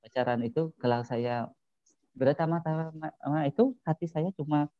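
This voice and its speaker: A man with a Cambodian accent and Khmer as his first language, speaking Indonesian as a foreigner in halting, simple phrases with repeated words in a casual interview. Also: on the high side, dry recording, lo-fi sound. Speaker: interview guest, former foreign student.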